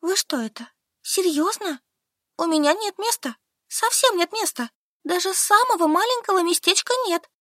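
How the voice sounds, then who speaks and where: A woman's voice: very high-pitched, lively intonation, moderate pace, fairly bright tone, dry recording, clean studio sound, pitched above the performer's own voice. A woman voicing a squeamish, easily panicked young female teacher who squeals and pleads, in an audiobook. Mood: panicky. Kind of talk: audiobook character voice.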